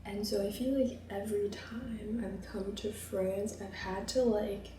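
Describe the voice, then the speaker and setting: A young woman vlogs as she cooks, chatting and rambling with plenty of fillers. Her medium-pitched voice is steady and measured, recorded by a distant mic in a roomy kitchen with a noisy background.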